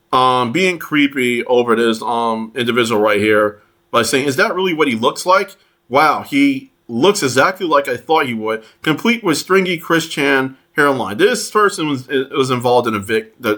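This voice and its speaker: A man commenting on online posts, reading them aloud in a halting way with many fillers and restarts. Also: medium pitch, pushed and bright. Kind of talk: casual commentary over screenshots.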